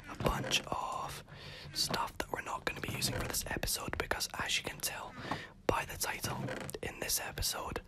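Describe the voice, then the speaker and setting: A gaming host whispering soft, chatty commentary over gameplay, self-correcting as they go, while losing their voice and coughing now and then. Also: normal speed.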